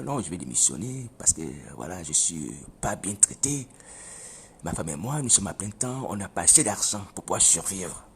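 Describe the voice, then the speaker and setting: Man, very deep voice, lively pitch, preacher's testimony, halting and repetitive, asks listeners questions. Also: slight background noise. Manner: halting, repeats phrases, asks listeners "you see?". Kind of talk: spoken personal testimony. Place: living in Europe.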